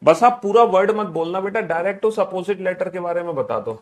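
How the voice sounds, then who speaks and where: A man's voice: high voice, lively intonation, fairly quick. A man teaching a class, repeating each instruction and coaxing students with affectionate teasing as he drills them. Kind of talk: classroom lesson.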